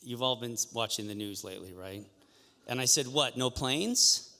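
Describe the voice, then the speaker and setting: A man's voice: lowish voice, brisk, bright, forceful tone. A man from New Mexico with an American accent, giving an informal campaign speech as a political candidate. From New Mexico, United States. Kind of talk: informal campaign stump speech to a live room. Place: public forum in a hall. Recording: echoey hall with long reverb.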